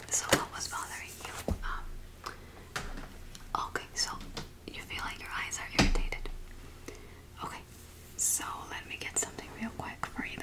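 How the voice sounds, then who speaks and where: Playing an easygoing female eye doctor, a woman ASMR performer whispers in a soft, breathy, unvoiced way with a fairly high pitch, sounding attentive and reassuring. She murmurs haltingly in a one-sided exchange with pauses for replies, recorded roughly on a large microphone close beside her in a small home office.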